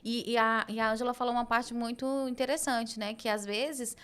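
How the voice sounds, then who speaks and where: A woman's voice: fairly high pitch, steady tone, brisk, fairly bright tone, clear, resonant tone. A woman co-hosting a podcast, earnestly explaining points and finishing others' sentences in casual chat. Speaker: podcast co-host.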